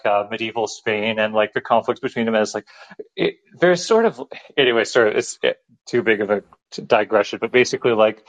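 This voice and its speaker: A man calling in to a show, rambling casually with many restarts and fillers. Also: mid-range voice. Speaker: caller. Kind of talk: casual call-in chat. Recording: dull lo-fi call line.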